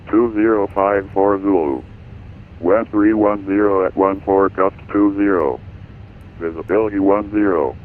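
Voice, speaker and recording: Man, airport weather broadcast, very low voice, tinny radio sound, clipped even reading. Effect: airport weather broadcast over radio. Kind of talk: automated airport information broadcast. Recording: tinny radio band with faint hiss.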